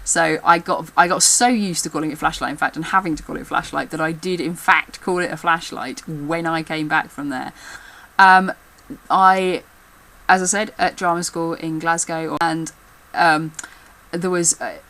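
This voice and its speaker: A woman's voice: low-pitched, fairly even intonation, normal speed, pushed and bright, low-quality recording. A middle-aged woman with a Midlands accent, chatting casually to camera in a rambling way and laughing often. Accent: English Midlands. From English Midlands. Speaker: vlogger. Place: room at home. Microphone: camera mic.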